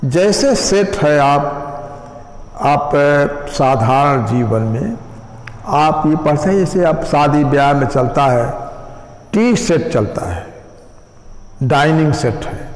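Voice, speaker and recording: A male school maths teacher giving a slow, step-by-step classroom lecture, mixing in English terms. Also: on the high side, animated. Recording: echoey room with long reverb.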